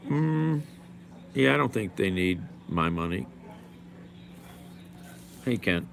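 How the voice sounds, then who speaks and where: Male host, low creaky voice, slow and blunt, casual muttered reaction commentary, faint noise behind. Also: big pitch swings.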